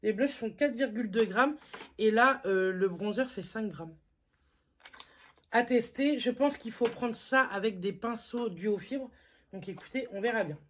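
A woman's voice: a little high, unhurried, fairly bright tone. Woman, beauty vlogger, casual haul review, chatty, self-mocking, filler-heavy, home camera mic.

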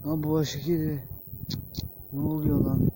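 A man's voice: on the high side, level tone, moderate pace. A man filming a ghost-hunting vlog alone in an open field at night, frightened, muttering prayers and curses under his breath. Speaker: paranormal vlogger. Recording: noisy outdoor night recording.

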